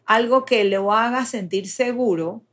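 A woman's voice: a little high, a little slow, fairly bright tone. A woman explaining child development step by step in a patient, conversational way.

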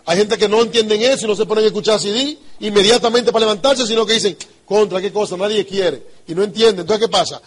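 A business trainer with a Dominican Spanish accent gives a motivational business talk, emphatic and repetitive, often posing rhetorical questions to listeners. His high-pitched voice is very fast, with hardly any pauses.

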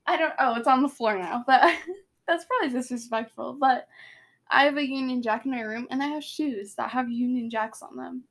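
A woman's voice: high-pitched, normal speed, fairly bright tone. A young woman co-hosting a podcast, chatting casually and rambling, with frequent giggles. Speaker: podcast co-host. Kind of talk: casual chat.

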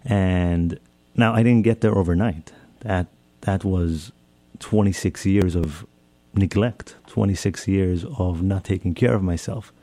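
Deep-voiced man. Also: measured pace, dark tone, no echo. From Israel. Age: 30s. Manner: reflective, repeats and rephrases phrases. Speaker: speaker. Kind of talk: personal talk on self-care.

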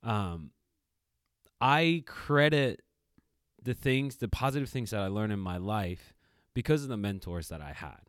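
A middle-aged podcast co-host with a lowish, clear and resonant voice talks a little slowly, leaving long pauses. In casual conversation he tells stories reflectively and with animation, dotted with many fillers and restarts. It's recorded at studio quality without any room sound.

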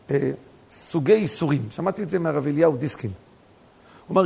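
Male rabbi preacher with a high, husky voice, animated storytelling sermon. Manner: animated storytelling, rising to near-shouts for emphasis. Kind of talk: sermon with stories.

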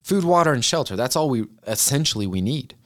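Twenties guy, earnest chatty motivational podcast talk, mid-pitched voice, keeps saying you guys. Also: lively intonation, brisk, fairly bright tone. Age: 20s. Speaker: podcast host.

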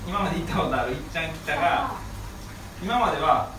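A distant, noisy recording catches a man with an Osaka accent chatting casually. His high voice swings freely up and down as he spins out a colloquial story. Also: animated, fast talker. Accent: Osaka Kansai. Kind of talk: casual anecdote-telling chat. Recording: echoey, distant mic, noisy room.

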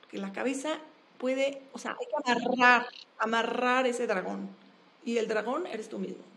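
A Mexican woman, an open-water swimmer, talking in a casual interview in an animated, emphatic way and firing off rhetorical questions. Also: fairly high pitch, moderate pace, creaky, slight background noise.

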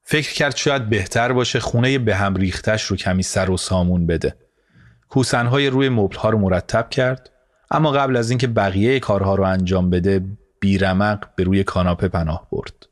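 Low-voiced male storyteller. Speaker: narrator. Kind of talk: scripted audiobook narration. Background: soft music score.

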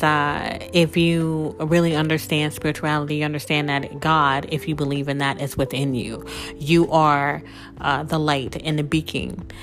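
A deep-voiced woman, a podcast host and spiritual coach, chats candidly through personal stories. Her casual delivery is peppered with "like" and "you know."

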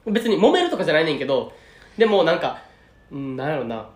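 A woman's voice: low voice, very animated, quick pace. A woman with a Kansai accent co-hosting a casual chat, reacting bluntly and explaining things. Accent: Kansai Japanese. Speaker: podcast co-host. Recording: roomy echo.

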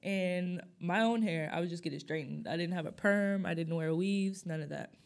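A woman's voice: lowish voice, moderate pace. Chatty young woman, laughing storyteller. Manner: animated storytelling, frequent laughter and fillers. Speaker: podcast co-host. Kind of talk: casual chat.

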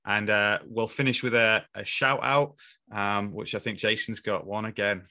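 A man's voice: on the low side, steady tone, normal speed, sharp tone, no room sound. A man hosting a podcast, talking in an upbeat way in casual chat. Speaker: podcast host.

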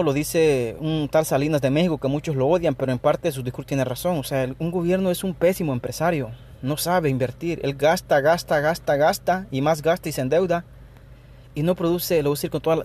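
A man's voice: a little high, a little mellow. A Salvadoran man hosting a solo podcast, talking in an earnest, opinionated way, with frequent restarts and "ok" check-ins. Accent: Salvadoran Spanish. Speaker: podcast host. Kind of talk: spontaneous solo podcast monologue.

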